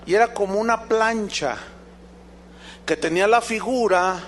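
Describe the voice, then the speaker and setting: A man's voice: sits high, a little slow, fairly bright tone, a little hiss or hum. A Mexican man with a Mexican accent, preaching a sermon as pastor, emphatic and quizzing his congregation with rhetorical questions. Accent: Mexican Spanish.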